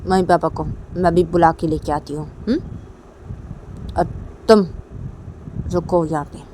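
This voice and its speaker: A woman voicing a stern middle-aged mother-in-law who firmly calms and scolds in a homemade story reading. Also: fairly low pitch, unhurried, slight background noise, voice pushed down, natural voice. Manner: firm, scolding, orders to stay calm.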